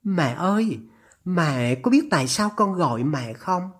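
A narrator voicing a calm, scheming young woman who speaks softly and coaxingly. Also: mid-range voice, measured pace, husky.

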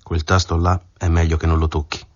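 A smug middle-aged man, mock-friendly and a little mocking, as a male reader puts him on. His voice is low and husky, lifted slightly above the narration. It sounds dull and dry, close to the mic. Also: level tone, brisk, no room sound. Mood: mock-genial.

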